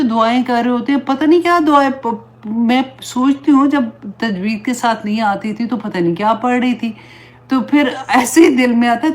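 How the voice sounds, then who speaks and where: A woman religious teacher speaks earnestly to her followers in a fairly high voice. She slips English words into her talk and recites Arabic prayers slowly and with care. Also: a little mellow.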